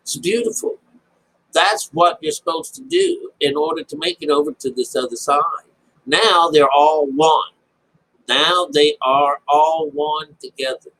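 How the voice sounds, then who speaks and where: An amateur Bible teacher, male, rambles through an informal spoken commentary, halting and repeating himself in folksy, colloquial language with an occasional mild curse. His voice is a bit high, pushed and bright, and the low-quality recording carries slight background noise.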